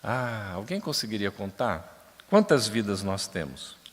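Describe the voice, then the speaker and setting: A man from Brazil giving a spiritist lecture, slow and emphatic, turning to chat with the audience. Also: on the low side, big pitch swings. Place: large lecture hall. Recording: long hall reverb.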